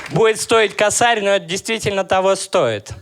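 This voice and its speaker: A man in his thirties from Russia, performing a stand-up comedy set with deadpan, ironic jokes and crowd work. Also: sits high, moderate pace, vocal fry, very noisy. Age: 30s.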